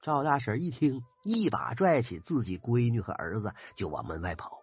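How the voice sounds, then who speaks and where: A man with a Northeastern Chinese accent telling a folk ghost story in a lively, dramatic way. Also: mid-range voice, moderate pace, no echo. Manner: lively, dramatic retelling, husky. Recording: dry, slightly dull recording with faint music.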